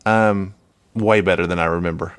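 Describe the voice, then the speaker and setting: Low-voiced man on a laid-back podcast. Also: moderate pace, clean tone, dry recording, studio quality. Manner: relaxed, laughs often, acts out panel dialogue. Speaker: podcast co-host. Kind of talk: casual comic-book podcast chat with read-alouds.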